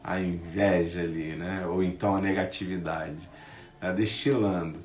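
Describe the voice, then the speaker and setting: A man giving a casual talk about envy, lively, acting out what friends say in mocking voices. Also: low voice, normal speed, reverberant. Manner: animated, acts out quoted friends in mocking voices. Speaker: speaker on envy.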